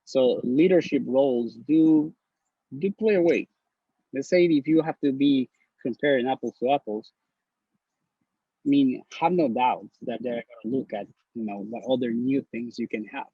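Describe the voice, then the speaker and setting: A man's voice: mid-range voice, moderate pace, slightly rough, no echo. A man, speaking earnestly and bluntly as an interview guest over a video call, often repeating words. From Honduras. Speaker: interview guest, newly matched neurology resident. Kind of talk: casual interview, giving advice. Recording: slightly dull lo-fi recording.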